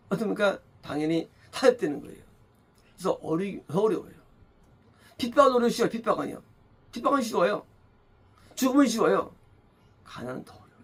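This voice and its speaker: A man's voice: high-pitched, creaky, slightly rough. A man preaching a sermon as pastor, pressing his points by repeating phrases and asking rhetorical questions. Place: church.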